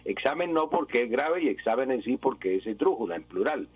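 A man with a husky voice explains spelling rules on a radio program. He talks patiently and methodically, lists examples one after another, and repeats each point. The broadcast sound is dull and lo-fi, with a dry close mic. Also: medium pitch, very animated, a little fast, no echo. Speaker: language expert on radio.

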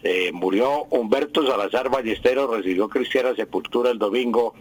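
A man's voice: medium pitch, normal speed, breathy edge, no echo, poor audio. A man with a Colombian accent, a language expert on a radio news show, explaining word usage and stressing words over and over. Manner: didactic, repeats and stresses words.

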